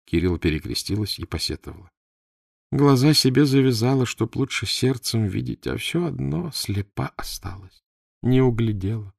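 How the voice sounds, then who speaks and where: A man voicing a pious, blind old woman storyteller who speaks in a sad but calm way, with old-fashioned words. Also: low-pitched, fast talker, creaky, hardly any pauses, husky, dry recording, clean studio sound, heavily acted.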